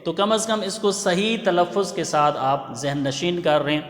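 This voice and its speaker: A man giving a religious pronunciation lesson, explaining patiently and chanting example phrases slowly. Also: sits high. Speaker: religious teacher. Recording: echoey hall with long reverb.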